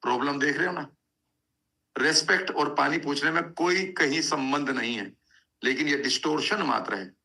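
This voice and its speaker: A man's voice: fairly high pitch, moderate pace, bright, forceful tone. A man giving a conversational motivational talk, telling stories and repeating points for emphasis. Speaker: motivational speaker. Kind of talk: motivational talk, Hindi mixed with English.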